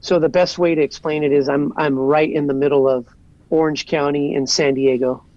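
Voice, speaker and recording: A man's voice: a little high, fairly even intonation, moderate pace, a little mellow, no room sound, muffled recording. A man in his forties from Southern California, a guest chatting casually and rambling easily with lots of "like". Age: 40s. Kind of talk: casual podcast chat.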